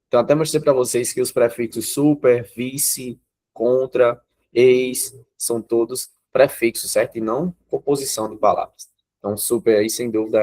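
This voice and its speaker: A Brazilian man teaching a grammar class, explaining patiently at an ordinary pitch. He keeps asking his students if they follow, calling on them by name. He sounds relaxed and easygoing. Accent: Brazilian Portuguese. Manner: explanatory, checks in with students often.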